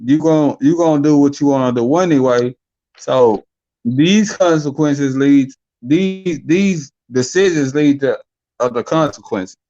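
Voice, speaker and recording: In a casual podcast debate over mics, a young man talks loosely and rambles, repeating words as he works out his point. His voice is on the high side and mellow, with a measured pace. The sound is lo-fi.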